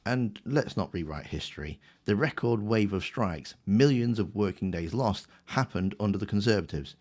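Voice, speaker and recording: A man's voice: fairly low pitch, animated, normal speed, a little mellow. A man delivering scripted political rebuttal commentary in a smug, sarcastic, mocking manner.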